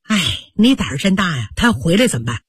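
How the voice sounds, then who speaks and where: A woman's voice: fairly low pitch, very animated, quick pace, breathy edge, dry recording, studio quality, voice pushed down, full character voice. A woman voicing a sly, flirtatious servant's wife who teases coyly. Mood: coy teasing.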